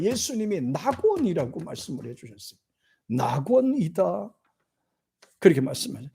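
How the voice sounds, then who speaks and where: A man preaching in a church, his somewhat high voice husky and dark-toned. He swings his pitch widely, and now and then he acts out the quoted lines of scripture figures. Every so often he stops to lead the congregation in reading verses aloud. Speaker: pastor. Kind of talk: sermon. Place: church sanctuary.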